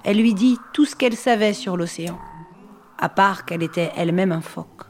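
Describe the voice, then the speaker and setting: A woman narrating a folk tale in a soft, hushed storytelling voice. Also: lowish voice, a little fast, slight background noise. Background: background music.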